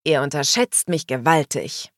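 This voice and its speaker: A calm, affectionate young man from a storybook, as a woman reader plays him. He speaks in a lowish, slow, steady voice, recorded close and dry. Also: no echo.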